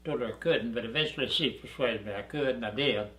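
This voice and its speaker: Older man with dry, unhurried humor. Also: mid-range voice, bright, forceful tone, echoey room, a little hiss or hum. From Arkansas, USA. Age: 80s. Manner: dry, unhurried storytelling with chuckles. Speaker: interviewee. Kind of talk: reminiscing interview. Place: dark studio backdrop, indoors.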